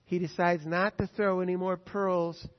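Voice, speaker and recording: High-voiced man preaching in a reverberant hall. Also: flat delivery, moderate pace. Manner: emphatic preaching, swings between loud stresses and quiet asides. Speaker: pastor. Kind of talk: sermon. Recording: dull lo-fi sound with long hall reverb.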